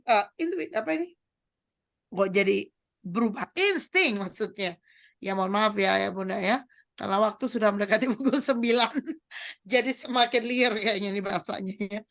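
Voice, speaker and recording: A woman doctor giving a chatty parenting seminar, lively and acting out quoted voices as she explains. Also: mid-range voice, vocal fry.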